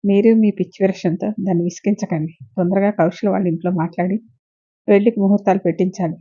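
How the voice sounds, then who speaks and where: A woman's voice: mid-range voice, fairly even intonation, quick pace, mellow, slightly rough, close to an everyday voice. A woman voicing a bossy, scheming middle-aged mother who scolds and gives orders, in a dull lo-fi recording. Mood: scolding. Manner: scolding, commanding.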